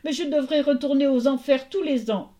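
A woman voicing a tearful young goddess who pleads in a high, sobbing voice. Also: expressive, normal speed, mellow.

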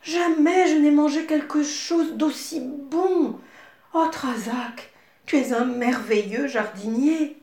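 Woman reader doing a thrilled storybook princess, high and eager, echoey room. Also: takes it slowly, a little mellow. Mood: delighted. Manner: exclaiming with delight. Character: delighted young princess.

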